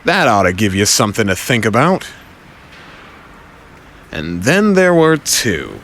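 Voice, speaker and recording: A man's voice: fairly low pitch, sing-song, unhurried, a bit bright, slight background noise, heavily acted. A man voicing a cocky, friendly young superhero with quippy, teasing delivery in an audio drama.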